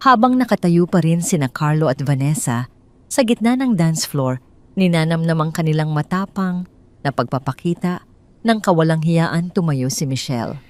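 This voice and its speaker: A Filipino woman narrates a scripted story dramatically, at a moderate pace. Her voice is a little low for a woman and a bit mellow, with no room sound.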